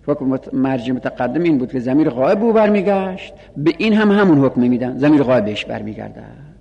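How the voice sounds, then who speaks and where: A man teaching Arabic grammar in a seminary-style lesson, repeating each rule slowly and reciting Arabic phrases and pronoun lists. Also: medium pitch, darkish tone, slightly rough, big-room sound, lo-fi sound.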